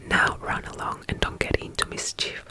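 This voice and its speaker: Soft whispering ASMR caretaker. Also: moderate pace. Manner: whispered, soft and soothing, with gentle repeated phrases. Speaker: ASMR roleplayer. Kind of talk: ASMR caretaker roleplay with a bedtime story reading.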